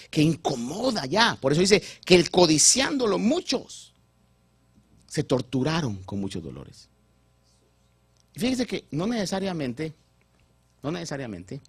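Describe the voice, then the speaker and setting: Animated, husky male pastor preaching. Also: fairly high pitch, no room sound. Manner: animated, repeats words while building a point. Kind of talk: sermon.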